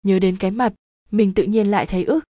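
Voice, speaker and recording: Woman narrator, mellow voice, dry close recording, chatty story reading. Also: medium pitch, fairly even intonation, brisk, no room sound. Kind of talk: first-person story reading.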